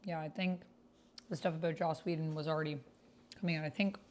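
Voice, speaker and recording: Her voice sitting low with a darkish tone and fairly even intonation, a streamer talks a little fast as she plays a text-based roleplaying game. She reads the typed roleplay aloud, chatting casually and thinking aloud. There's slight hiss or hum in the background.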